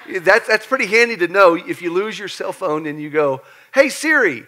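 A man preaching a lively, conversational sermon in church, animated and joking as he acts out the story. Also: sits high, moderate pace. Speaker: pastor. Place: church sanctuary.

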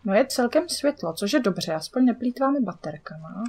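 A woman's voice: on the high side, animated, darkish tone. A chatty woman with a Czech accent talks her way through a game in loose let's-play commentary. She mutters to herself and curses at what happens on screen. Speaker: gamer.

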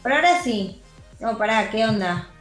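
High-voiced Argentine woman chatting over gameplay. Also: expressive, moderate pace. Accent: Rioplatense Argentine. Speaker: gaming video co-host. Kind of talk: casual gameplay chat. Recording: roomy sound with faint music. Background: faint music.

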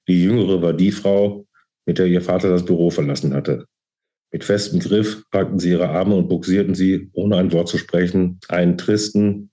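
A male author reads from his own novel in a deep, mellow voice. His delivery is calm and measured, with steady narration. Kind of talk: book reading.

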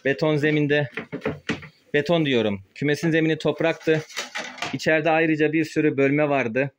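A man's voice: fairly high pitch, steady tone, moderate pace, a little hiss or hum. A man speaking through a face mask, slightly muffled, explaining informally as he works and films a casual poultry-keeping vlog. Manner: explains informally while working with a sprayer. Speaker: host of a poultry-keeping channel. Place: small wooden chicken coop. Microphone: handheld phone camera, held while working.

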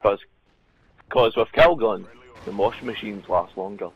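A man's voice: lowish voice, measured pace, slightly rough, dull audio. A man chatting casually while playing a video game, joking and swearing a lot. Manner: joking, crude, excitable. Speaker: gamer. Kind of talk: casual gaming chat.

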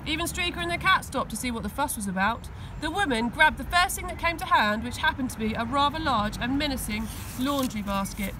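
Outdoors on grass, a school teaching assistant reads a children's story aloud with plenty of expression. Her high voice is animated and brisk, with hardly any pauses, and background noise can be heard.

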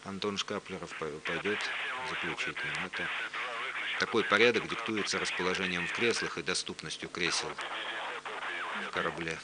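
Offering matter-of-fact explanations, a man talks as an expert guest during unscripted live commentary. His voice is low-pitched and his pace moderate, and faint hum and background noise can be heard.

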